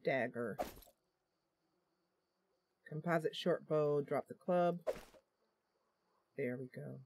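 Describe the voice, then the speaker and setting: In a deep, darkish voice she takes things slowly, hosting a casual let's-play for her gaming channel with slight background noise. Playful and addressing her viewers directly, she thinks aloud through the game with lots of ums.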